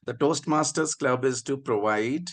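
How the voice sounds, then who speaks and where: A man's voice: medium pitch, measured pace. A man hosting a club meeting, reciting a mission statement together with several other members, man and woman voices together. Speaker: meeting host. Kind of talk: leading a group recitation.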